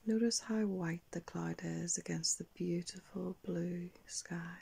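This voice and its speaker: An older woman narrating a guided meditation like a sleep story, in a soft, breathy whisper, calm and unhurried with long pauses. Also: on the low side. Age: older, around 60s. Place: small indoor room.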